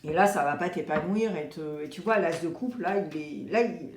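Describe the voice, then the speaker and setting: A woman giving a casual, chatty tarot reading, expressive and animated, acting out little quoted exchanges. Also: low-pitched, moderate pace, reverberant, slight background noise. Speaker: tarot reader.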